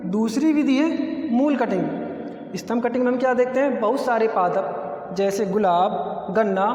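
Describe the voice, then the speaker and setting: A man's voice: very high-pitched, a little mellow, muffled recording. A man teaching a biology lesson in Hindi with a Rajasthani accent, explaining step by step and asking and answering his own questions at a classroom board. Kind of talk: classroom lecture. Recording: echoey room with long reverb.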